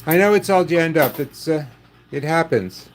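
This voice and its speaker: A man's voice: on the high side, expressive, moderate pace. Wisecracking older man chatting to viewers. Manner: dry, wisecracking asides to viewers. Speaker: live-stream host. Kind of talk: casual live-stream chat.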